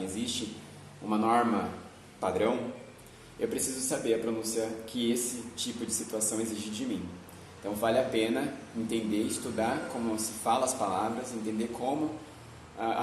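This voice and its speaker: A man's voice: medium pitch, darkish tone. A man with a Brazilian accent giving a video lesson as a Portuguese teacher, explaining patiently and often adding tag questions. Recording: very echoey room, voice from far off, faint noise.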